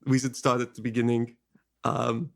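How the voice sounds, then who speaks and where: A man's voice: mid-range voice, flat delivery, moderate pace, gravelly. A man chatting and improvising casually as a player in a tabletop role-playing game.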